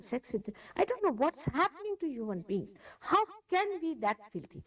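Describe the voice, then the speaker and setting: A woman with an Indian accent delivers a spiritual lecture, stressing her points by repeating them. She sounds set well back from the microphone. The old tape is muffled and lo-fi. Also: mid-range voice. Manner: emphatic, repeats phrases for stress. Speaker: spiritual teacher. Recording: distant, dull lo-fi 1981 lecture tape.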